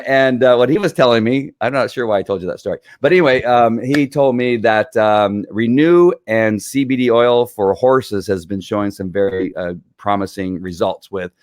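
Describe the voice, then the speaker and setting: A man's voice: medium pitch, moderate pace, no echo. A middle-aged man chatting as an interview guest, enthusiastic and rambling with many fillers. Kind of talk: casual interview chat.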